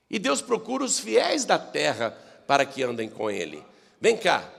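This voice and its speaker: A man with a Brazilian Portuguese accent preaching a sermon, swinging from loud exhortation to hushed asides. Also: on the high side, creaky. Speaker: pastor. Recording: long hall reverb.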